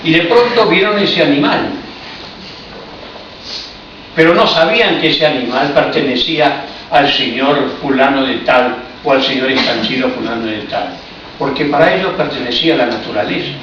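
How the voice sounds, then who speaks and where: This public talk on history comes from an Argentine man with an Argentine Spanish accent at a cultural hall in Paris, reflective and explanatory with ironic touches. His medium-pitched voice is fairly bright and moves at a normal speed. Recorded from afar, the room sound is echoey, muffled, and noisy.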